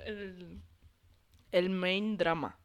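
A woman in casual chat, telling a story in an animated, gossipy way with many fillers. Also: lowish voice, extremely slow.

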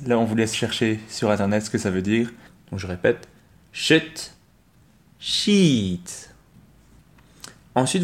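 A man co-hosting a podcast, teaching English pronunciation to French speakers and repeating each word pair slowly and carefully. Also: lowish voice. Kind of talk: slow, careful pronunciation lesson.

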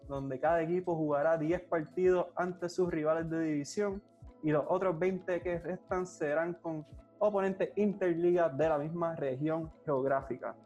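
A man's voice: on the high side, a little mellow. A man with a Puerto Rican accent hosting a podcast with enthusiasm, presenting and moderating in an upbeat style.

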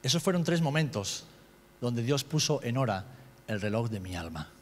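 Spanish preacher in a reverberant hall. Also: male voice, very animated, normal speed. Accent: Spain Spanish. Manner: swings from loud, high-pitched outbursts to low, quiet storytelling. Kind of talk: sermon.

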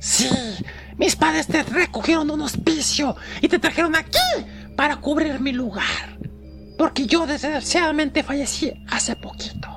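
A woman voicing the ghost of a dead nine-year-old boy who speaks low and hushed. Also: unhurried, gravelly, music in the background. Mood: menacing.

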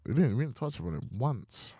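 A young man co-hosts a casual podcast in lively, swinging intonation. The sound is dry and close to the mic, with faint music behind him. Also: mid-range voice, fairly quick, breathy edge, no room sound. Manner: animated, slangy. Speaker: podcast co-host. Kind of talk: casual chat.

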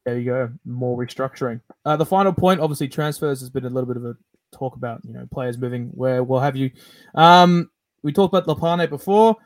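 A man's voice: medium pitch, brisk, dry recording. A man from South Africa hosting a casual sports podcast, upbeat and hesitant, with many fillers. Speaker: podcast host.

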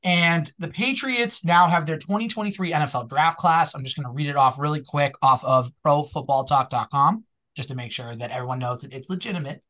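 Boston guy hosting a sports podcast, kinda high bright voice, chatty. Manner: energetic, chatty, quick asides. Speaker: podcast host. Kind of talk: casual sports podcast chat.

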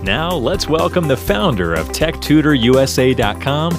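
A man's voice: medium pitch, big pitch swings, moderate pace. A man reading a scripted, welcoming podcast introduction in an announcer's manner. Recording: music playing underneath.

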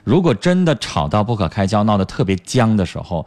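A man, hosting a talk show and chiming in with quick, lively reactions. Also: lowish voice. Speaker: host. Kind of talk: casual talk show chat.

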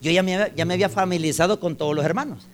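A man, a pastor preaching a sermon who likes to shout and tells animated stories. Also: sits high, rapid-fire, faint music behind.

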